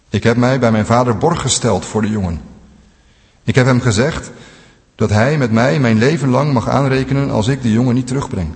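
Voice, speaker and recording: A man's voice: mid-range voice, creaky, a little mellow, natural voice. A man reading aloud as an adult brother pleading earnestly before a ruler, in a long church reverb. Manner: earnest, imploring.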